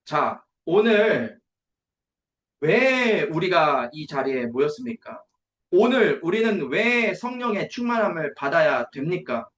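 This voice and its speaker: Emphatic preacher with a lively voice. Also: male voice, fairly high pitch, unhurried, reverberant. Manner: emphatic, asks rhetorical questions and answers them. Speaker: preacher at an evangelism school. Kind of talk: sermon.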